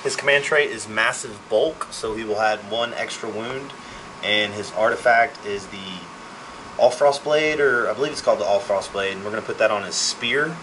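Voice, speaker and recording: A man's voice: fairly low pitch, normal speed, noisy background. A man casually listing the units in his tabletop army, informal and correcting himself as he goes. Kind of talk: casual list rundown.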